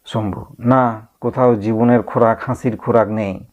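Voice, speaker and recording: A man's voice: lowish voice, fairly even intonation, normal speed, darkish tone. A male teacher reading a play aloud and explaining it in a lesson, thinking aloud with many hums and restarts. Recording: tinny phone-like audio.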